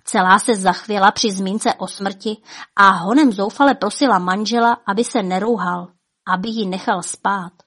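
Dramatic woman reading a fairy tale. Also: medium pitch. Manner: rhythmic, dramatic delivery with soft drops. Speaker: storyteller.

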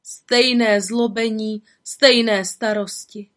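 A woman's voice: fairly high pitch, steady tone, close to an everyday voice. A woman voicing a sad, weary shingle-maker's wife in a storybook reading, sighing and mournful.

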